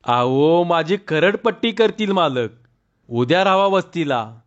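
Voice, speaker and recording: A man's voice: a little high, expressive, a little slow. A man playing a cheerful rustic male farmhand, laughing and teasing as he talks, in a dull lo-fi recording. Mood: pleading. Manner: laughing, teasing village talk.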